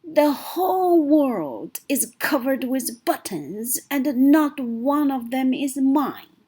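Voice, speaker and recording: A woman's voice: animated, slow, warm tone, husky, heavily acted. A woman doing a fussy, grumpy storybook toad. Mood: fretful. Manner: high, complaining and exasperated.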